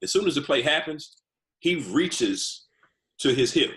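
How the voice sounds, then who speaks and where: A man's voice: on the high side, very animated, a little slow, a bit bright. A man on a casual sports podcast who is playful and laughs easily, often stuttering as he restarts his sentences.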